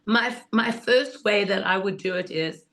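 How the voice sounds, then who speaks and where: A woman with laryngitis, her voice hoarse and rusty as if unused, gives an informal, enthusiastic and instructive workshop. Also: medium pitch, a little slow, fairly bright tone. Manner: enthusiastic, instructive, repeats 'in other words'. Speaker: guest teacher of market selling.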